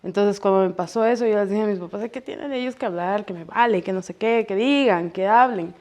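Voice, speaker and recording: A woman in her thirties hosting a casual podcast conversation, telling lively stories and acting out what people said. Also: mid-range voice, a little fast. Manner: lively storyteller who acts out quoted speech. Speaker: podcast host.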